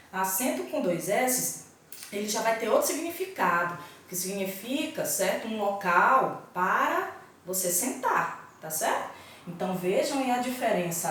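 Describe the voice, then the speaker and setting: A woman's voice: medium pitch, distant mic, slight background noise. Woman teacher in an echoey room. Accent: Brazilian Portuguese. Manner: patient, checks in with "certo?" and "tá?". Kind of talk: grammar lesson to students.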